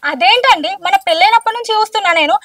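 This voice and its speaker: Woman playing a tearful suspicious wife, super fast talk, far from the mic, heavy music over it. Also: very high voice, animated, dry recording, studio quality, heavily acted. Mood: accusing. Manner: accusing, tearful. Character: suspicious touchy young wife. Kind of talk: short film acting. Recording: distant mic, loud music underneath.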